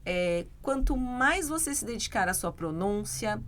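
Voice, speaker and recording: A woman's voice: mid-range voice, animated, unhurried, fairly bright tone. A Brazilian woman English teacher co-hosting a podcast, chatting casually and explaining with examples and frequent tag questions.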